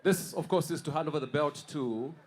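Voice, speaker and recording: A man's voice: on the high side, a little fast. A man speaking as a boxing ring announcer, addressing the crowd.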